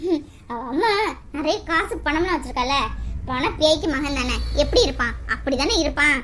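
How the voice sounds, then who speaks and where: A woman's voice: sits high, moderate pace, a bit bright, a little hiss or hum, voice pushed down. A woman voicing a bitter young bride left by her husband, sneering and mocking in a family drama skit. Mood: bitter scorn.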